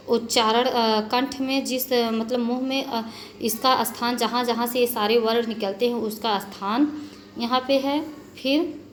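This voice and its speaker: A woman teacher walks children through a grammar lesson, slowly and patiently, with a slightly high voice. She spells out letters one by one and repeats her points. Faint noise hums behind her. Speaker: school teacher.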